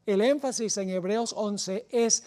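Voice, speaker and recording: A woman with a warm, mid-range voice preaches a sermon, phrasing deliberately and lifting her emphasis on key words.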